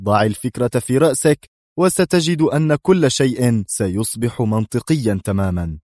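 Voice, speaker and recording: A man's voice: on the low side, brisk, darkish tone, no room sound, studio quality, close to an everyday voice. A man voicing a stern, commanding male defense secretary who speaks curtly and severely in an audiobook thriller. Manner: curt and severe.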